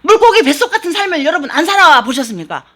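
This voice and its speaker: A woman pastor preaching a sermon in a church, telling the story in an animated, colloquial way with sound effects. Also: extremely high pitch, fast talker.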